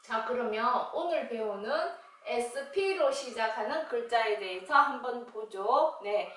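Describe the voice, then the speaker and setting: Woman, phonics teacher for kids, slow drawn-out speech, high-pitched, echoey room, mic at a distance. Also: animated, a bit bright. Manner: slow, drawn-out sounding of letters, cheerful greetings. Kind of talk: children's phonics lesson.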